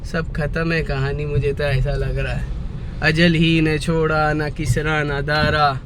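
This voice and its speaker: A man vlogging slowly and earnestly about faith, repeating his points and reciting devotional verse, with a lingering cough that keeps breaking in. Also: on the high side, little pitch movement, noisy background. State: lingering cough, clears throat often. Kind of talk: slow reflective religious talk to camera.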